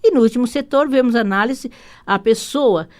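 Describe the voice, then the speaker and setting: A Brazilian woman hosting a radio talk show, explaining astrology in a rambling way, with many restarts and tag questions. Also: on the high side. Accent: Brazilian Portuguese. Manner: rambling, warm asides with frequent "né?" tags; hurried, many restarts and repeated words. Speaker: radio show host and holistic psychotherapist.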